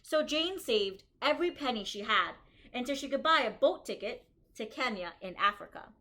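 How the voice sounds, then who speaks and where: A woman's fairly high, expressive voice sounds pushed and bright as she reads a picture book aloud to young children. The kindergarten teacher pauses to think aloud and explain what the author and illustrator show, slowing down to stress key story lines.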